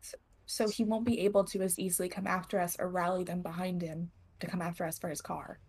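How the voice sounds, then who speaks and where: A woman playing a tabletop game, chatting casually and planning out loud. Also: fairly low pitch, flat delivery, fast talker, husky. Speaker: player.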